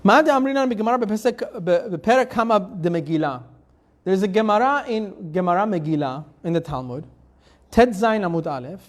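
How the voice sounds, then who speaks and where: The rabbi's high-pitched, expressive voice moves at a normal speed while he teaches Torah live. Reading Hebrew verses and translating phrase by phrase, he puts rhetorical questions to the class in a relaxed style marked by restarts and fillers.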